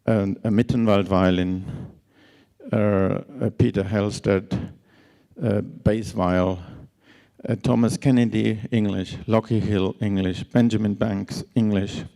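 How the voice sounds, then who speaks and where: A man's voice: on the low side, little pitch movement, slow, vocal fry, warm tone. A man giving a conference lecture, his voice scratchy from long travel, speaking hesitantly with many fillers and restarts. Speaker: lecturer on instrument certification. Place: lecture hall.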